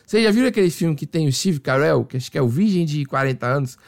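A man's voice: on the high side, lively intonation, quick pace, vocal fry. A man from Salvador, telling a story in casual podcast chat and acting out voices and sound effects. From Salvador, Brazil. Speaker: podcast guest.

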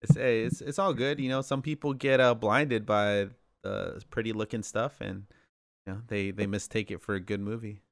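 A laid-back man chats casually, teasing his friends with an easy laugh. His voice is low and sounds dry and close. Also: fairly even intonation, moderate pace, creaky, no room sound. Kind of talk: casual chat.

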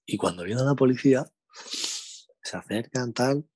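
A young man from Spain with a Spanish accent, telling a slangy, animated anecdote in casual chat. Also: medium pitch, normal speed, breathy edge, dry recording. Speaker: storyteller.

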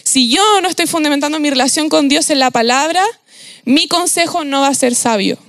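High-voiced Chilean woman preaching casually. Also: brisk, no room sound, studio quality. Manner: slangy and animated, laughing often. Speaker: youth preacher. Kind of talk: casual youth sermon.

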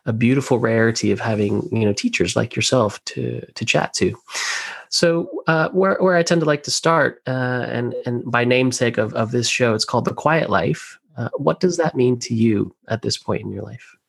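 A man's voice: medium pitch, creaky, breathy edge, dry recording, clean studio sound. A man hosting a podcast interview, talking earnestly with many small restarts and repeated words. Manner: earnest, halting with frequent restarts. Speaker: podcast host. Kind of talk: casual interview chat.

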